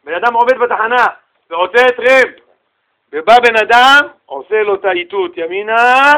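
A man giving a religious sermon in a casual slangy way, animated and acting out the people in his stories. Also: very high-pitched. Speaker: religious lecturer. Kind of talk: Torah sermon told in street slang.

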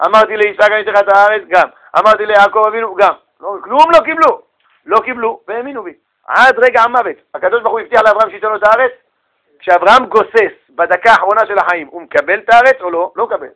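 Animated high-voiced man teaching a class. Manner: animated, questions the class and answers in quick bursts. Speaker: rabbi teaching a Torah class. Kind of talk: lively lecture with rhetorical questions.

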